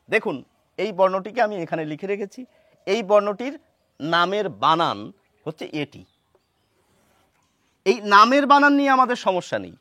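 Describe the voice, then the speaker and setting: Guy with a high voice walking through letter sounds at a board, patient, dry close sound. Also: a bit bright, no room sound. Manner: patient, explanatory, repeats sounds slowly. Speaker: teacher. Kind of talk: whiteboard pronunciation lesson.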